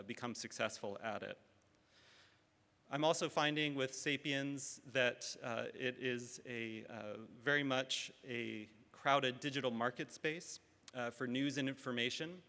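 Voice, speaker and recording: A man closing his remarks on a conference panel, talking in a measured way with frequent hesitations. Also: mid-range voice, pushed and bright. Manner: measured, many "uh" fillers. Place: conference hall. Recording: reverberant hall.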